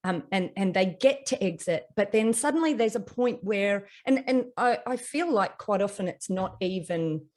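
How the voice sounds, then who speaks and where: A woman's voice: mid-range voice, animated, moderate pace, hardly any pauses, darkish tone. A woman hosting a business podcast, reflecting aloud with "um" and repeated words. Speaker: podcast host, lawyer. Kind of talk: conversational interview.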